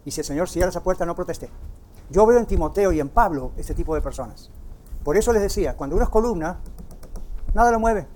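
A man's voice: high-pitched, animated, fast, warm tone. An older male pastor preaching a sermon, telling a story animatedly and putting rhetorical questions to his congregation.

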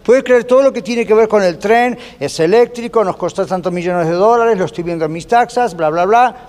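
High-voiced pastor preaching in a reverberant hall. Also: male voice, a little fast, darkish tone. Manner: storytelling, mixes in English phrases. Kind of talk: sermon.

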